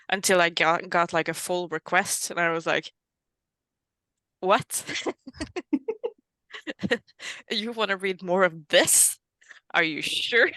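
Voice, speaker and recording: A Norwegian woman with a Norwegian accent is a guest author in a casual interview chat, using many fillers and laughing at herself. Her voice is fairly low with a sharp tone, and there is no echo.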